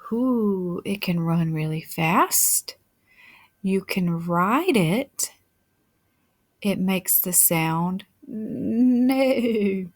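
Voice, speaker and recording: Very slow-talking woman teaching little children. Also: medium pitch. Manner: simple, patient questioning with repeated words and sounded-out letters; encouraging praise. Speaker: early-years teacher. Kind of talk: phonics lesson for young children, like reading to a toddler.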